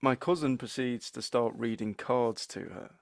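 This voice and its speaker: A man's voice: mid-range voice, normal speed, no echo, studio quality. A young man, telling a funny family story with wry laughs on a casual podcast. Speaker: podcast co-host.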